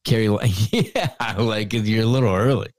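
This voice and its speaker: Deep-voiced joking podcast co-host. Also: male voice, unhurried, a little mellow, no echo, studio quality. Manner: joking, offhand. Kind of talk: casual chat.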